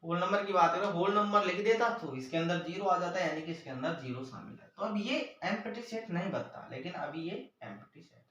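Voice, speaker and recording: A man's voice: high-pitched, fairly quick, few pauses, distant mic, slight background noise. A male maths teacher giving a classroom lesson, explaining step by step and often calling on the children. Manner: lively, addresses the children again and again, explains step by step. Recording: very echoey room, voice from off the mic.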